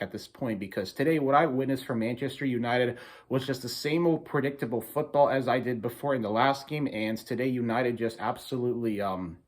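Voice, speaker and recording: A man hosting a casual football recap video, complaining emphatically and informally as he repeats his points. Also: mid-range voice. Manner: informal, repetitive, emphatic complaining with mild swearing. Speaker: football fan video host. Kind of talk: casual opinionated match recap.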